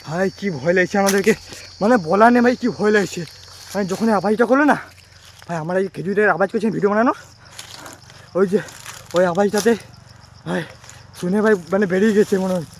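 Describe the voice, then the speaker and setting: A young man narrating an outdoor forest vlog, excitable and constantly calling out "bhai". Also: high-pitched, quick pace, long pauses, a little hiss or hum. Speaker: vlogger. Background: music.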